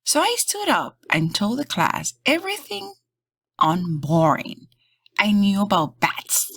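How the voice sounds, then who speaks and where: In a slightly rough, mid-range voice, a woman reads a children's picture book aloud. Her storytelling is expressive and deliberate.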